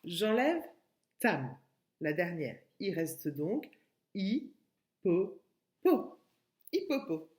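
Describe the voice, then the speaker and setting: A woman's voice: fairly low pitch, sing-song, takes it slowly. A woman with a French accent, a kindergarten teacher recording a lesson for a child at home and breaking words into syllables patiently.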